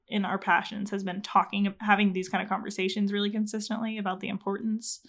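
On her podcast, a young woman talks casually with her husband in a gravelly, mid-range voice. She's earnest and open, and laughter comes often.

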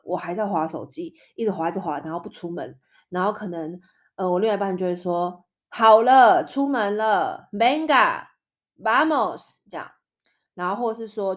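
A woman's voice: medium pitch, darkish tone. A young woman from Taiwan hosting a podcast in a casual chat, explaining Spanish words through playful example dialogues. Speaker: podcast host teaching Spanish.

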